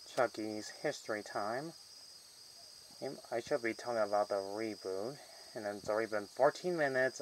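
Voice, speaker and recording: A man's voice: lowish voice, background noise. A man giving a casual, rambling film review vlog, with loosely strung sentences that often trail off mid-thought. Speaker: movie reviewer.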